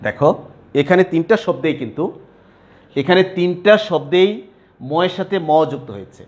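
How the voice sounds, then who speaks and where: A man teaching pronunciation rules to students in a lecture, repeating example words slowly and often checking if they follow. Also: fairly high pitch, expressive.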